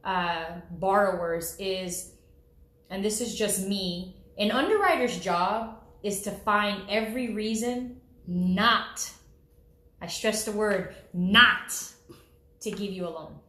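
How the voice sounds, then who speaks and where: A woman's voice: mid-range voice, a little slow, a bit bright. A woman loan officer explaining the home loan process in a conversational way, often checking in with "okay?". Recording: roomy, echoey room.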